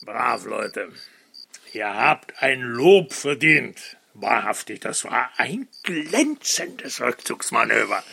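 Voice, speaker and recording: An actor playing a bossy, hot-headed gangster boss in a radio play, barking commands. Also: male voice, medium pitch, very animated, slow, gravelly, pushed and bright, husky, heavily acted. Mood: commanding.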